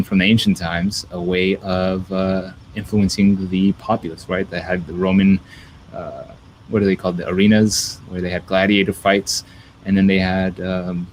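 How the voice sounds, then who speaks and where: A man's voice: deep voice, slight background noise, rough recording. A man born in Ethiopia and raised in America, talking casually as a guest, rambling with many fillers and restarts. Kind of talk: casual conversation.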